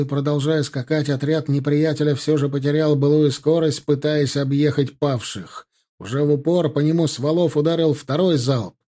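A man's voice: fairly high pitch, dark tone. A man narrating a historical war story as an audiobook reader.

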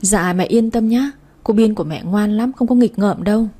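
A woman's voice: mid-range voice, normal speed, dark tone, husky, natural voice. A woman voicing a sweet, innocent little boy in a storybook reading, speaking in a childlike, earnest way.

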